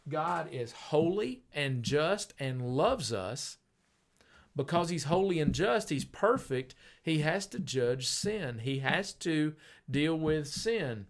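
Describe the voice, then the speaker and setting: A man's voice: a little high, animated. Older man, earnest conversational preacher. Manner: earnest, storytelling, slows down for emphasis.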